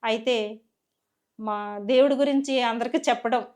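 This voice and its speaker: A woman's voice: on the high side, fairly even intonation, unhurried, a little mellow. A woman giving a personal faith testimony as a church member, telling her story in an earnest, conversational way.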